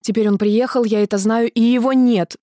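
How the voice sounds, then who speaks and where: A woman plays a tender young girl close to tears, pleading and anxious as her words spill out. Her voice sits at a middling pitch with a mellow, soft tone. The sound is dry and close. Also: normal speed, dry recording, natural voice. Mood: anxious, tearful. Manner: emotional, pleading, on the edge of tears. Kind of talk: literary radio reading.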